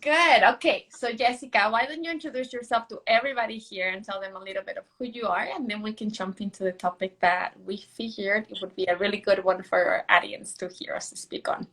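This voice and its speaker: A woman's voice: mid-range voice, steady tone, fairly quick, hardly any pauses, a bit bright, rough recording. A woman hosting a live-stream interview over a video call, upbeat and drawing out her phrases. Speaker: host.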